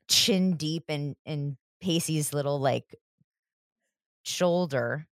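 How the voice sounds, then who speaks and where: Gushing young woman, lively low voice. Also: clean tone, no room sound, studio quality. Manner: gushing, self-mocking, breaks into laughter. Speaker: podcast co-host. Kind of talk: casual chat recapping a TV show.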